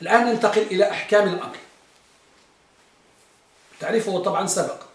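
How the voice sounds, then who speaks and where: A man teaching grammar to a class, dictating slowly, repeating phrases and quizzing his students. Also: high voice. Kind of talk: classroom lesson. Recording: echoey room from far off.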